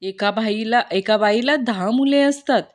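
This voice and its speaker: Woman joke-teller, unhurried, voice sits a little high. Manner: reads each line slowly, lightly voicing the characters. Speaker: joke narrator. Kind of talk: reading Marathi jokes aloud.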